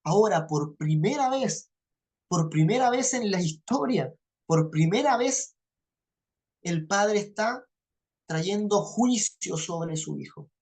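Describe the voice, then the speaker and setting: A woman leads a Bible class in an even lecturing voice. She checks often that her listeners are following. She repeats key phrases to stress a point. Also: mid-range voice, takes it slowly. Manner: checks understanding with frequent "¿ya?". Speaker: Bible teacher.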